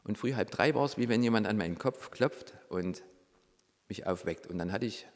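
With a lowish voice and moderate pace, a middle-aged man from Saxony shares a personal tale, and the sound has a big-room quality. He used to be on a reality show, and he performs the story's dialogue vividly, now and then lowering to a hushed tone.

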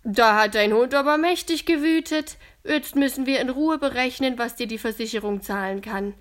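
A woman's voice: on the high side, moderate pace, natural voice. A woman voicing a polite, businesslike young insurance man.

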